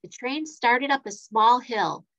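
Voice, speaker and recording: A woman reading a children's story aloud, expressive and playing with sound effects. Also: fairly high pitch, slow, muffled recording.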